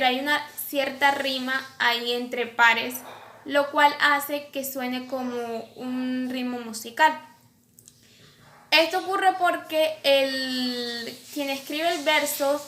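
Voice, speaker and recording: Female lecturer, high and bright, explaining step by step; echoey room, light hiss. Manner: explanatory, asks and answers her own questions. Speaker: teacher. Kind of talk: recorded lecture over slides. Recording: echoey room, faint background noise.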